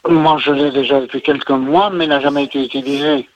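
A man's voice: medium pitch, fairly even intonation, fast. A man answering a phone call about an item he sells, polite and matter-of-fact. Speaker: seller called on the phone. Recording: dull phone line.

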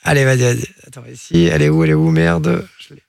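A man hosting a radio show, joking fast and teasing his co-hosts during a music quiz in a studio. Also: mid-range voice, sing-song, creaky, darkish tone, dry recording. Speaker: radio host. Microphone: studio microphone. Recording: radio broadcast with music behind. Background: music playing.

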